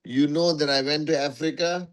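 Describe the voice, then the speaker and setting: A man's voice: fairly high pitch, steady tone, normal speed, clean tone. A man hosting a casual livestream for his network marketing followers, greeting viewers one by one as warriors and repeating phrases for emphasis, on a phone mic.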